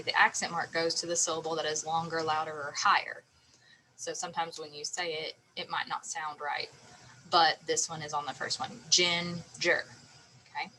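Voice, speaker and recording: A woman's voice: lowish voice, sharp tone, slight background noise, low-quality recording. A woman teacher explaining a phonics lesson patiently, sounding out letters and syllables step by step.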